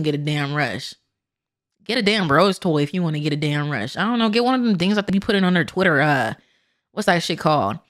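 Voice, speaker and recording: A woman's voice: on the low side, a bit bright. A woman streamer reacting live to a video, blunt and full of slang. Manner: slangy, blunt, says "bro" often.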